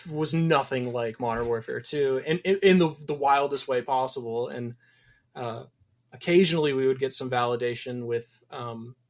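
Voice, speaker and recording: A man with a mid-range voice speaks at a moderate pace as a guest on a laid-back podcast. He's a game developer from Wisconsin who reflects thoughtfully and rambles, often saying um.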